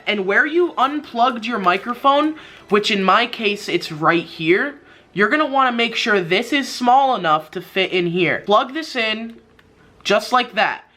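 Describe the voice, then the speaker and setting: A young adult man hosts a tech tutorial, walking through the steps casually in a rambling, slangy, informal way. His voice sits high with a sharp tone, and he's recorded indoors in a small room.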